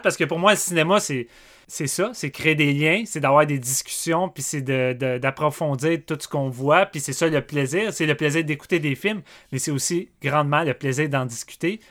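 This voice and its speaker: Bright-voiced Quebec French co-host. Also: male voice, on the high side. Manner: animated, repeats words when starting a thought. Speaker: podcast co-host. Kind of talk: casual podcast chat.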